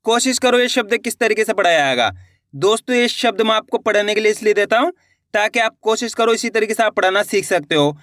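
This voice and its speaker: High-voiced man teaching Hindi syllables. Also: a little fast, a bit bright, no room sound, clean studio sound. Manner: patient, repeats words and asks questions back. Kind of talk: online lesson, slow syllable-by-syllable explanation.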